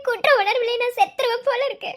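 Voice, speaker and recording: This is cartoon voice acting: a performer portrays a distraught young mother racked with guilt, pleading on the phone through sobs and repeating his name. The voice is extremely high, fast, fairly bright, with fairly even intonation.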